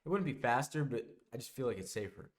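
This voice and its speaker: A young man telling a casual storytime monologue, rambling and backtracking, often dropping into quieter asides. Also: mid-range voice, animated, quick pace. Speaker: vlogger.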